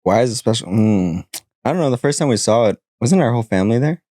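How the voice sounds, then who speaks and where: A man's voice: mid-range voice, expressive, fast talker, warm tone, no room sound. A man in his thirties, a podcast guest, talking casually with dry, teasing humor. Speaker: guest, host's brother.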